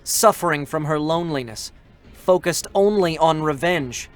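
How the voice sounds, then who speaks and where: Here a man with a fairly high voice reads at a normal speed, lightly acting the part of a young, earnest male scout android from a game. The dramatic narration is solemn, and music plays in the background.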